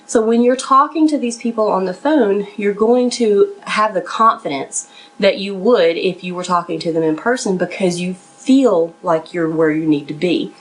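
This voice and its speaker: A woman who writes resumes professionally and coaches interviews hosts a podcast, offering plain, direct, conversational advice to listeners. She sounds encouraging but somewhat nervous, speaking at normal speed in a mid-range voice, and the audio is poor.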